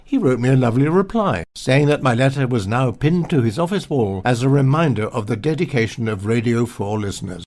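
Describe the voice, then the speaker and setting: A man's voice: medium pitch, expressive, fairly quick, hardly any pauses, a little mellow. Older male author narrating his memoir; wry, pernickety delivery that mimics pronunciations. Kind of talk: audiobook memoir reading.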